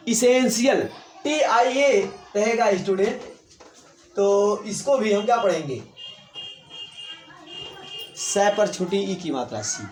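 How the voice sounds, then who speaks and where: A man from India with an Uttar Pradesh Hindi accent, teaching English grammar slowly in a classroom lesson and repeating and spelling out words. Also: sits high. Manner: slow, repetitive spelling out of words. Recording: echoey room, faint ambient noise.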